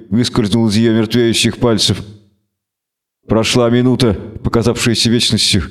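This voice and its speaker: Male audiobook narrator, measured and dramatic, mid-range voice. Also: medium pitch.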